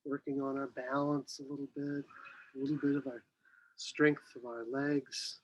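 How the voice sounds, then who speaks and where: A man teaching qi gong, giving serene, unhurried movement and breathing cues with long pauses. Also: mid-range voice, level tone, low-quality recording. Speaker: qi gong instructor.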